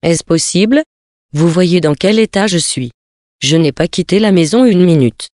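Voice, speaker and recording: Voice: medium pitch, moderate pace, a little mellow, no room sound, clean studio sound, natural voice. A reader voicing an anxious father earnestly protesting his son's innocence in a dramatic audiobook. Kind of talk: audiobook reading of a novel.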